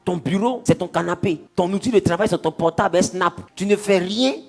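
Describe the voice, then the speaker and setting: A man's voice: sits high, brisk, creaky, a little mellow, faint music behind. A man preaching a sermon, questioning the congregation and acting out little scenes. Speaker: pastor.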